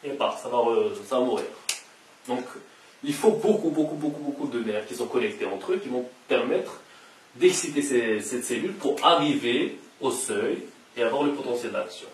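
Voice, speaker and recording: A man's voice: medium pitch, moderate pace. A man giving a casual science lecture, explaining step by step and repeating the key terms. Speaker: science educator. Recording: roomy echo, distant mic, faint hiss.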